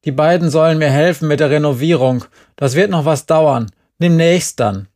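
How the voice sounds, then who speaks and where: A man reading aloud and voicing a gruff, middle-aged father who barks orders from scaffolding. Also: fairly high pitch, normal speed, close to an everyday voice. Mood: barking. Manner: shouting.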